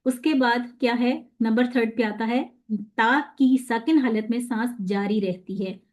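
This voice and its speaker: Lady teacher doing a tajweed lesson, highish but mellow voice, sounds out letters slow and patient. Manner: patient, explains step by step, asks and answers her own questions; slowly sounds out Arabic letters and syllables as models. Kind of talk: online Quran pronunciation lesson.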